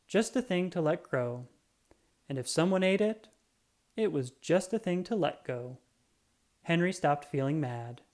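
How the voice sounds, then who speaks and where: Reading a children's story aloud at medium pitch, the narrator takes an expressive and deliberate storytelling approach.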